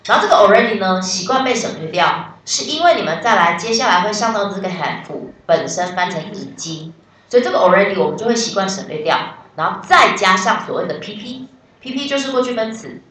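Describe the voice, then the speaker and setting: A woman's voice: medium pitch, animated, brisk, fairly bright tone, recorded from a distance. Woman teacher in an echoey classroom. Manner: explains step by step, quizzing students. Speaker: English teacher. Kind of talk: classroom lesson.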